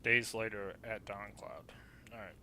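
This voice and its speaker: A man's voice: on the low side, steady tone, unhurried, sharp tone, a little hiss or hum. A man giving casual reaction commentary on a video game story as he streams.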